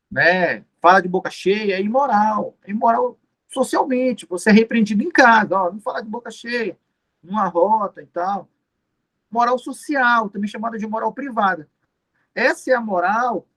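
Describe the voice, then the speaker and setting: A man's voice: sits high, fairly bright tone. A man giving an exam-prep law lecture, explaining step by step, repeating key terms and answering his own questions. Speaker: law teacher.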